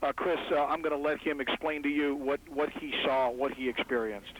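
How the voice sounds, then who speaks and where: A man's voice: a little high, little pitch movement, fairly quick, fairly bright tone, slight background noise, low-quality recording. A man reporting live from the scene, speaking plainly with some fillers. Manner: plain, level delivery with fillers. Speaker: field reporter.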